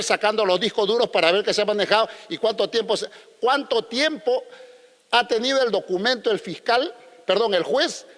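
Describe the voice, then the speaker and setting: A man's voice: high-pitched, pushed and bright, big-room sound. A man, a lawyer giving a conference talk, combative and full of rhetorical questions. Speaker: lawyer speaking at a legal conference.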